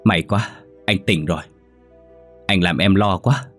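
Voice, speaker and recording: A man's voice: fairly low pitch, fairly quick, husky, soft background music. A man voicing a worried, devoted older wife who speaks to her husband anxiously and tenderly.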